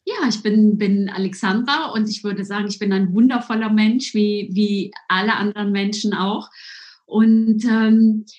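A woman, a podcast guest, talking about herself in a slow, searching, hesitant way. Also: mid-range voice, steady tone, darkish tone, lo-fi sound. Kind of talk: casual interview talk.

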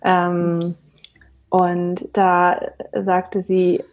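A woman's voice: fairly low pitch, monotone, very slow, a little mellow. A woman hosting a podcast interview. She talks conversationally and hesitantly, with many fillers. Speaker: podcast host.

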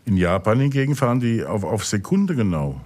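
Low-voiced man with dry humor. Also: very animated, a little fast, darkish tone, husky. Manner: dry, self-ironic humor. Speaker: podcast co-host. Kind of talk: casual chat.

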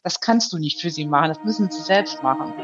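A woman's voice: deep voice, a little fast, highs cut off. A woman in her fifties calling in, telling a personal story in casual chat with many hesitations. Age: 50s. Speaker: caller.

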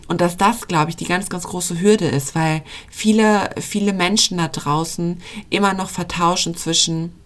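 A woman's voice: on the low side, steady tone, unhurried, hardly any pauses, fairly bright tone. A woman coaching on intuitive eating in a podcast monologue, earnest and pleading as she speaks straight to the listener.

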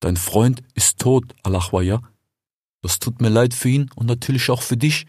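A man playing Fennec, a chummy husky desert fox. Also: medium pitch, steady tone, fairly quick, darkish tone, no echo, studio quality, close to an everyday voice. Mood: coaxing. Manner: chatty, keeps tagging "ja?" and "ich schwör". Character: smooth-talking male desert fox, chummy and persuasive. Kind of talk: audiobook character voice.

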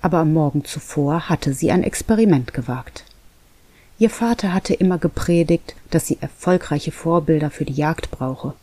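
A narrator reading a children's animal story aloud in a calm, even manner. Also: mid-range voice, normal speed, no room sound. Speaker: audiobook narrator. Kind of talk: scripted narration.

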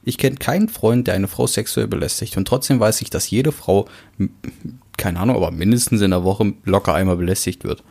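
A man's voice: on the low side, brisk, creaky, a little mellow. A man from Germany co-hosting a podcast, casually pressing his point with probing questions. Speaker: podcast co-host. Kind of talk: casual debate chat.

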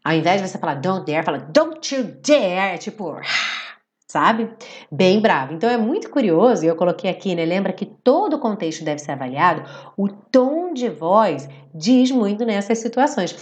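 Lively-voiced woman teaching English. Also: medium pitch, highs cut off. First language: Portuguese. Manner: explanatory, checks in with "certo?" and "tá bem?"; reads English lyrics slowly and deliberately. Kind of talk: live online lesson. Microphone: computer setup with phone beside.

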